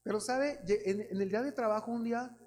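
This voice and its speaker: A man's voice: very high voice, quick pace, darkish tone. A man preaching a sermon, telling a personal testimony in a conversational way and often addressing the congregation as brothers.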